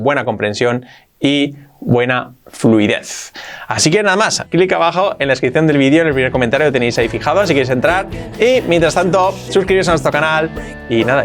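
A male teacher explaining English to Spanish learners in a lively, encouraging way. He repeats each word slowly for drills, and his pitch sits in the middle of the usual male range. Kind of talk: online English lesson.

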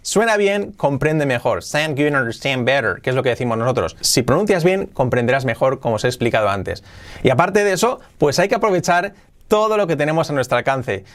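A man from giving an energetic online lesson as an English teacher, punching out each numbered tip. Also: a little high, brisk.

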